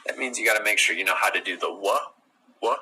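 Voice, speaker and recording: Casual American male pronunciation coach, low husky voice with a bright edge, repeats words slowly. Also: poor audio. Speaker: pronunciation teacher.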